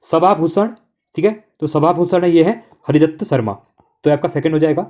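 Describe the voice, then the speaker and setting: In an online exam-prep lesson, a man from Uttarakhand coaches briskly through multiple-choice answers, constantly filling gaps with "okay" checks. His voice is a little high and a little mellow.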